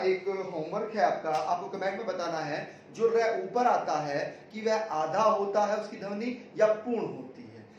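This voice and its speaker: A man's voice: sits high, slight background noise. A man teaching an exam-prep grammar lesson, drilling students with repeated questions and answers. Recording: echoey room, distant mic, dull sound.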